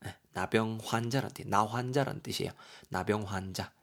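A man's voice: lowish voice, moderate pace, gravelly. A man teaching English vocabulary in a casual, chatty way, spelling words out letter by letter and reading example sentences aloud.

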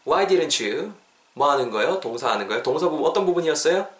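A man runs a casual English lesson, switching between quick explanation and slowly drawn-out English sentences. His voice sits fairly high and he acts out little scenes with playful exclamations. The recording carries a noticeable room echo. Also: expressive. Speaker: English teacher and podcast host. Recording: echoey room.

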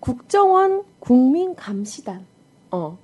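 A woman's voice: high voice, big pitch swings, slow, slightly rough. A woman hosting a casual talk show, laughing often and introducing the guest. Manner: laughs often, bright reactions. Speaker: host. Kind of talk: casual podcast chat.

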